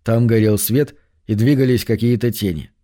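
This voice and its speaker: A man narrating a science fiction audiobook in an even, measured way. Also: medium pitch.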